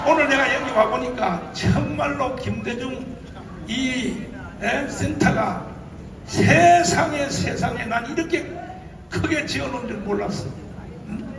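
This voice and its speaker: A pastor preaching a fiery rally speech in a large convention hall, throwing rhetorical questions at the crowd and shouting them down. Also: male voice, very high-pitched. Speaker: pastor addressing a political rally. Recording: echoey hall from far off, noisy.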